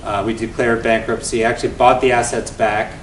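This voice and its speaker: A guest speaker in his forties, who works as a venture investor, walks an event crowd through his founding story at a fairly brisk clip. Conversational and animated, he keeps asking "right?". The sound is reverberant and distant, with a faint low rumble.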